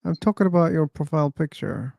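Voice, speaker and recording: A man's voice: on the high side, expressive, vocal fry, mellow, no echo. A man hosting an online discussion livestream, chatting casually and thinking aloud as he waits for callers. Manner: slow, musing, thinking aloud.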